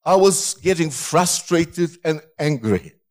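A man, a pastor, preaching a sermon in short phrases and pausing for an interpreter. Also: fairly high pitch, animated. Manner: slow, halting delivery in short phrases.

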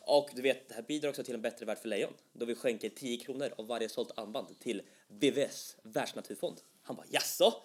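A young man co-hosting a casual podcast, telling anecdotes in a lively, animated way. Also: medium pitch, hardly any pauses. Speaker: podcast co-host. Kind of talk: casual chat.

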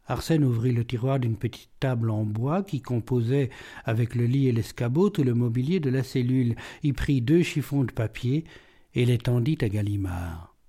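A man narrating a literary audiobook in a measured storytelling manner. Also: medium pitch, warm tone.

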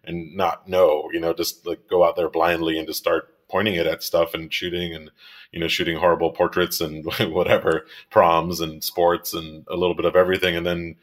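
A man's voice: deep voice, flat delivery, moderate pace. A man in his thirties from Miami, a commercial photographer and director, talking casually as an interview guest, rambling with many fillers and restarts and laughing easily. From Miami, United States.

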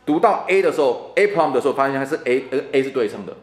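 A man's voice: mid-range voice, lively intonation, quick pace, reverberant. A man teaching a Bible class as a deacon, talking in a chatty way and repeating words for emphasis. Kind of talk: lively classroom Bible lecture. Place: church classroom.

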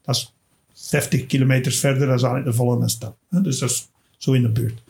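A man from England, a stand-up comedian chatting casually and telling stage anecdotes in an animated way. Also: medium pitch, brisk, gravelly. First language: English. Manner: animated storyteller, tags lines with "hè".

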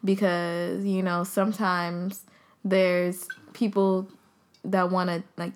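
A young woman chatting casually, easygoing and quick to laugh. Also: fairly low pitch, little pitch movement. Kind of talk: casual chat.

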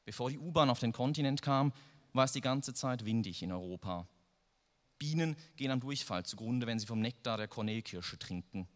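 A man's voice: medium pitch, lively intonation, fairly quick. A man reading a first-person story aloud in a dry, wry manner. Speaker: narrator. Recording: long reverb.

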